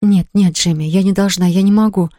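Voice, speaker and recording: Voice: medium pitch, fairly even intonation, brisk, mellow, no room sound, clean studio sound, close to an everyday voice. A reader voicing a distraught young woman who pleads through tears. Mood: pleading. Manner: pleading, tearful outbursts.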